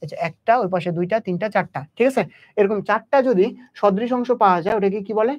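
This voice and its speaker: A man's voice: high-pitched, quick pace. A young man tutoring biology in an exam-prep lecture. He talks straight to the student and keeps asking questions that he answers himself. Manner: quizzing, asks and answers own questions. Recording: dull lo-fi audio.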